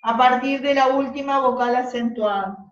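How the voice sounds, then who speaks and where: A woman's voice: high-pitched, steady tone, normal speed. A woman teacher with a Rioplatense accent, giving a classroom lesson, patiently repeating key points and checking that students follow. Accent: Rioplatense Spanish. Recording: distant, echoey, muffled classroom recording.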